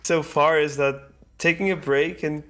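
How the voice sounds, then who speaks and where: A man's voice: fairly high pitch, fairly even intonation, measured pace, a bit bright. A man chatting casually with a friend who is playing a game, reassuring him and repeating himself as he talks. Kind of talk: casual chat.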